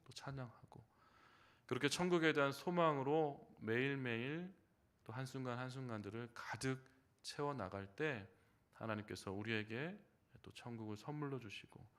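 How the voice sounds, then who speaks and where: A man preaching a Wednesday evening sermon as pastor in a church, animated, with rhetorical questions and humorous stories, dropping from loud emphasis to soft low asides. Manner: humorous storytelling. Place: church sanctuary.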